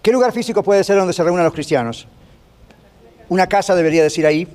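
Man, pastor, brisk sermon-style teaching, higher-pitched voice, keeps asking the room questions. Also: a little mellow. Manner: rapid, conversational, asks the audience questions often. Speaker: pastor teaching a church class. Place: large rented gym used for church meetings.

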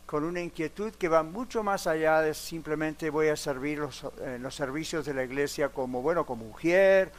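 Spanish-speaking pastor preaching a sermon. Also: male voice, on the high side, normal speed, few pauses. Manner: earnest, direct questions to the congregation; mixes in English words. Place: church sanctuary. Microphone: broadcast on radio and online.

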